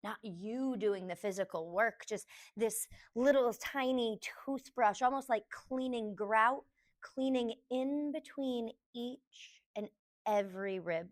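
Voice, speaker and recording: A female yoga instructor guides a meditation, offering soft, leisurely directions in brief phrases separated by pauses. Her voice sits fairly high.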